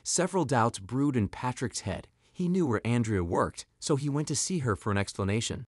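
A man narrating a scripted story in an expressive storytelling manner. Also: mid-range voice, moderate pace, husky, dry recording, clean studio sound.

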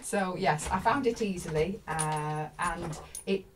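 A woman's voice: on the low side, slow pace, recorded from a distance, a little hiss or hum. Chatty woman, a little off-mic. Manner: chatty, rambling with restarts. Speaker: folk singer. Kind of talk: casual chat between songs. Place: small home studio.

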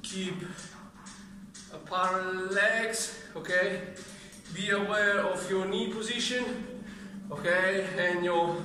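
A fitness trainer in his thirties, whose first language is not English, leads a workout in English while demonstrating it, giving short cued commands with physical effort audible. His high voice is steady and slow with frequent pauses. He is in a large indoor gym with mats, picked up by a camera several metres away, so the sound is echoey and distant, with music and a crowd behind him.

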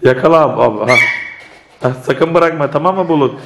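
A man with a hoarse voice filming his children at home, laughing and coaxing them in a casual family vlog. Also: a little high, normal speed. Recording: noisy home recording.

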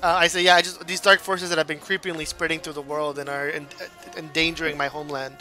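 A man's voice: a little high, level tone, fast, pushed and bright, faint music behind. A man playing a tabletop game, chatting casually and in character, often stumbling and repeating words. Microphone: online group video call.

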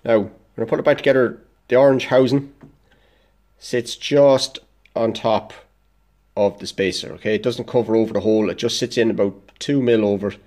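This congested DIY vlogger has a medium-pitched, slightly mellow voice with fairly even intonation and a moderate pace. Dosed up with illness, he stands at his indoor workbench and casually walks through a DIY fix, plain-spoken and blunt with the occasional swear word.

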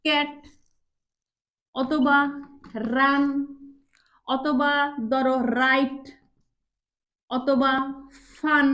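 A woman with a Bengali accent teaching a basic English lesson, drawing out words syllable by syllable and often checking that her pupils follow. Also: high voice. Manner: drawn-out, syllable-by-syllable word demonstrations; asks pupils frequent check questions. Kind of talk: classroom lesson.

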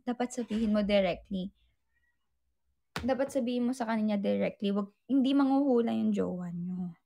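Young female vlogger, gravelly edge, candid advice-giving chat. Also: a little high, warm tone. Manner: candid, advice-giving, mixes English into Tagalog. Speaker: vlogger answering viewer questions. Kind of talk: casual chat.

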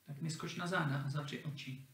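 A man reading a fairy tale, voicing an enchanted dog that is patient, loving and gently insistent. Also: fairly high pitch, fairly even intonation, a little hiss or hum, close to an everyday voice. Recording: roomy echo, distant mic.

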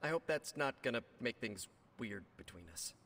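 An actor playing an eager, self-conscious young spider superhero in a video game, theatrical and joking. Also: male voice, mid-range voice, lively intonation, moderate pace, fairly bright tone. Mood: playful.

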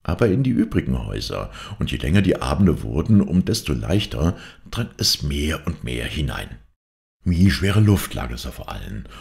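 Very deep, gravelly male storyteller. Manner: dramatic, expressive storytelling. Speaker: audiobook reader. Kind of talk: reading a classic novella aloud.

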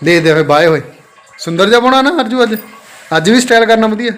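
A man's voice: high-pitched, lively intonation, quick pace, a bit bright. A man with a Punjabi accent filming a casual family vlog, playfully calling out to his kids and pets. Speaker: family vlogger, father.

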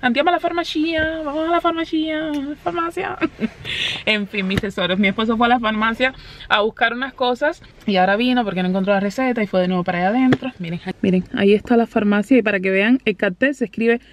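A woman's voice: medium pitch, fast, slight background noise. A talkative woman speaking straight to her vlog audience in a casual, fond way. She explains things patiently and keeps the chat flowing. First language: Spanish. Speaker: family vlogger.

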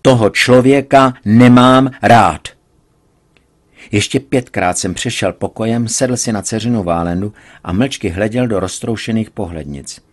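A man reading a serialized novel aloud in measured, even scripted narration. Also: lowish voice. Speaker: reader.

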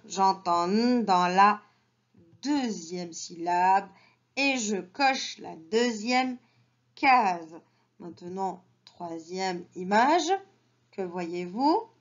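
A woman teaching an early reading lesson to children, repeating each word slowly and breaking it into syllables. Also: medium pitch. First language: Arabic. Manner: slow, syllable-by-syllable modelling with repeated words. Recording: dull lo-fi sound.

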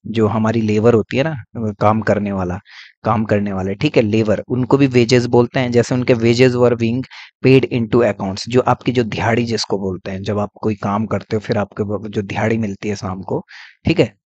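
A man's voice: fairly low pitch, fairly even intonation, normal speed, darkish tone, husky, dull audio. A man teaching English grammar, explaining patiently, repeating points and checking in often with his students. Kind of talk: classroom-style grammar lesson.

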